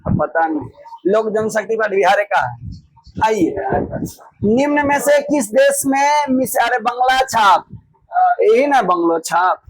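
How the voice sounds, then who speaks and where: High-voiced Bihari teacher drilling his class. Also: lively intonation, unhurried, long pauses, no room sound, low-quality recording. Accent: Bihari Hindi. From Bihar, India. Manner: loud, repetitive quizzing that drills students with call-and-response. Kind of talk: classroom exam drill lesson.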